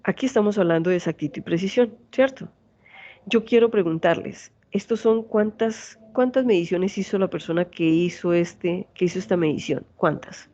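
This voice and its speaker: A woman's voice: on the low side, normal speed, warm tone, dull audio. A woman in her forties with a Santander Colombian accent, a university teacher giving an online lecture and often asking her students questions. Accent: Santander Colombian Spanish. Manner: asks students many check questions.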